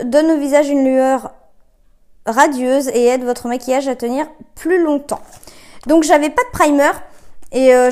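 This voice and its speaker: High-voiced chatty woman on phone camera. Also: a little mellow. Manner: chatty, many filler hesitations and self-corrections. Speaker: vlogger reviewing discount-store buys. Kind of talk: casual chatty product haul.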